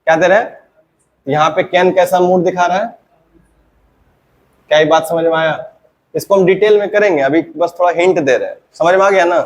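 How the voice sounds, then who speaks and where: High-voiced man teaching class. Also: fairly even intonation. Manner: asks the class questions and answers them himself; repeats example sentences slowly. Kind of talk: classroom grammar lesson.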